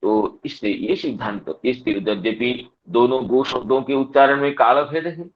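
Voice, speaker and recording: A man's voice: mid-range voice, measured pace. A man giving a scriptural discourse who quotes Sanskrit and explains it line by line, repeating key phrases. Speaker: Bhagavata katha speaker. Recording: dull lo-fi recording.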